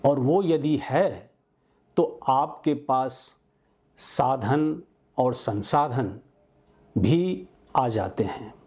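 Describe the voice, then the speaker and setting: A male host reading scripted narration in a mellow, darker tone. He speaks slowly and deliberately, with a reflective air. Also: mid-range voice, breathy edge. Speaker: show host.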